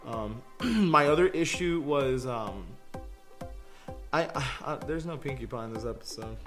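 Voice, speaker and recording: A man co-hosting a casual podcast review, talking in an animated way and often laughing. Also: medium pitch, measured pace, over music. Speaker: podcast co-host.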